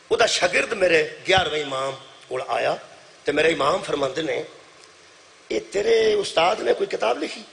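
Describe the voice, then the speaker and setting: Gravelly Punjabi-accented preacher, man. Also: on the high side, a little hiss or hum. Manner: storytelling preacher, swings between loud declaiming and soft asides, repeats phrases. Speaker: Shia cleric preaching at a majlis. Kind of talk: sermon. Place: religious gathering before an audience.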